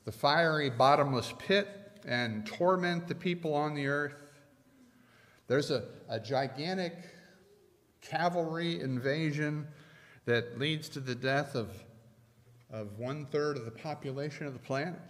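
A middle-aged man preaching a sermon from a pulpit, measured and emphatic, leaning hard on key phrases. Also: on the high side. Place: church sanctuary at a pulpit. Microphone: pulpit microphones. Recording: long church reverb.

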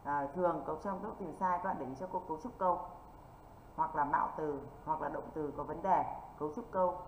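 Woman, northern Vietnamese accent, English teacher, fairly low voice, drilling questions, echoey lo-fi recording. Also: a little fast. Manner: drilling, keeps checking with rhetorical questions. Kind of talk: online exam-prep lesson. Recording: echoey, dull lo-fi with faint noise.

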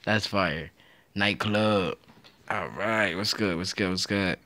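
A young man giving casual, excitable gameplay commentary, trash-talking and laughing as he plays. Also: fairly low pitch, slow. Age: young adult. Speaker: gaming YouTuber.

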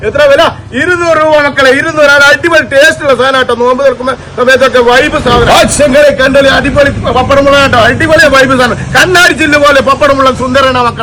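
A man's voice: very high voice, fairly even intonation, quick pace, few pauses. A man with a Kerala Malayali accent hawking like a street fish seller, calling out and repeating prices and mixing English slang into his Malayalam. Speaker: fish seller promoting the day's catch. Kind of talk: street-vendor sales patter for social media. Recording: noisy outdoor market with vehicles and crowd.

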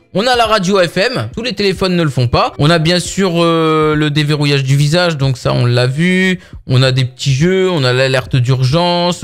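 A man casually reviewing a budget phone, talking in a chatty way full of fillers. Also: a little high. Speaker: tech reviewer.

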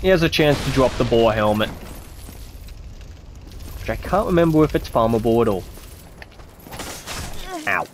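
A man's voice: medium pitch, lively intonation, normal speed, long pauses, a little hiss or hum. Chatty stuffy-nosed man playing a game. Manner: chatty, muttering to himself while playing. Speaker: gameplay commentator. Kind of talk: casual let's-play commentary.

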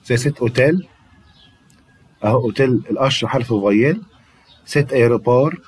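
A man with an Egyptian Arabic accent gives a classroom-style French grammar lesson, patiently repeating words so students can drill them. His husky voice is medium-pitched, fairly quick, and lively in intonation.

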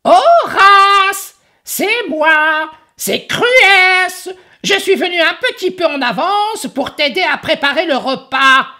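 A man reading a children's story, voicing a joyful, doting female ogress with a very high, shrill, gushing voice. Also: expressive, takes it slowly, bright, forceful tone, heavily acted.

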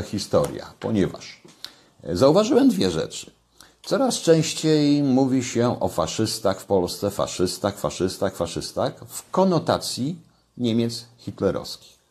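A man's voice: medium pitch, darkish tone, breathy edge. An older man giving casual commentary to camera from his home kitchen, talking conversationally and pushing his voice up on key points. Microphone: webcam at desk.

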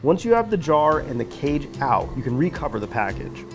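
A man's voice: fairly high pitch, sing-song, brisk, over music. Plainspoken Midwestern man explaining beekeeping steps. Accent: Midwestern American. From United States. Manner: clear step-by-step explaining, practical and plain. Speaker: beekeeping instructor. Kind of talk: scripted instructional narration.

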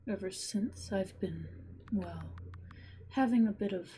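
A woman voicing a lonely, motherly witch in a gentle half-whispered voice, as whispered role-play. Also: medium pitch, a little slow, slight background noise, natural voice. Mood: tender.

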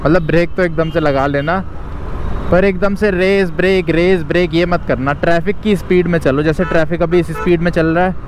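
A man's voice: a little high, fairly even intonation, moderate pace. A young man in casual motovlog commentary, riding a scooter through city traffic and chattily explaining tips to viewers through a helmet mic. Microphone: helmet mic recording from a ride. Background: faint traffic and wind.

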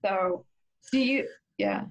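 A young woman chats as an interviewer on a video call. Her voice is medium in pitch, and her style is casual and conversational. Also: wildly swooping pitch, slow. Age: young adult. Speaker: interviewer, host. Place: indoor kitchen at home, video call.

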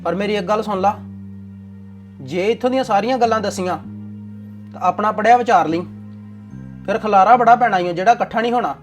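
A man's voice: high voice, brisk, long pauses, faint music behind, natural voice. A young man with a Punjabi accent acting a bossy, commanding husband in a domestic drama. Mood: stern.

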